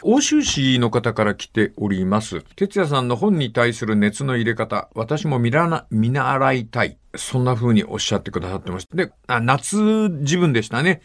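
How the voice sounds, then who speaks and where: An older man hosting a radio talk show, reading listener letters and telling stories with lively dialect voices. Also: mid-range voice, normal speed, few pauses. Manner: lively storytelling, acting out dialect dialogue. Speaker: radio host.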